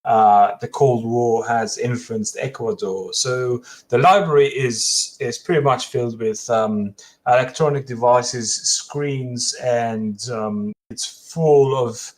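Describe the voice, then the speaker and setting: A man narrating a tabletop role-playing scene as game master, halting with many fillers and restarts. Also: mid-range voice, poor audio.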